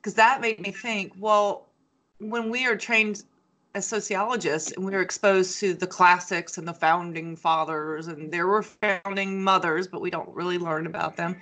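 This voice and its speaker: A woman hosting an academic interview, a sociology teacher who talks with enthusiasm and animated asides. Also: fairly low pitch. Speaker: podcast host, sociology teacher.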